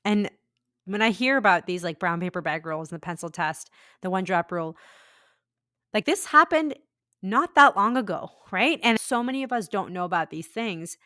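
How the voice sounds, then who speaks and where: A woman who grew up in India hosts a podcast conversation, thinking aloud in an animated, reflective way. Her voice is recorded dry and close. Her pitch sits in a middle range. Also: moderate pace, no room sound. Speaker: podcast host.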